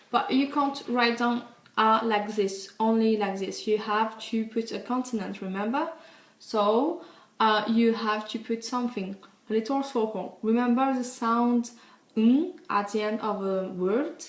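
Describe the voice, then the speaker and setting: Slow, patient woman in an echoey room. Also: on the high side. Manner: patient, repeats "okay?" often. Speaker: language teacher. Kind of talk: casual tutorial.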